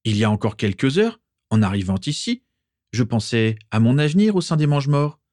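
A man's voice: mid-range voice, big pitch swings, a little fast, darkish tone, no room sound, studio quality, natural voice. A man voicing an indignant young man who protests his innocence, in a storybook reading. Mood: defensive. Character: defiant young man, defensive and proud.

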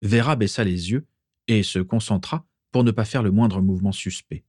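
Husky male storyteller, dry close sound. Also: lowish voice, moderate pace, a little mellow, no echo. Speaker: audiobook narrator. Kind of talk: storybook narration.

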